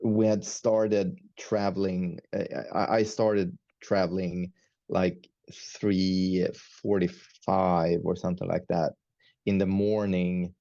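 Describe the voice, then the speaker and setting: A Swedish-born metal musician, being interviewed as a guest in casual chat, speaks slowly in a very deep, gravelly voice with a dark, mellow tone. He is hesitant and flat in delivery, with many fillers and restarts, and he laughs often. The sound is dry, a bit dull, like a lo-fi call, with no room sound.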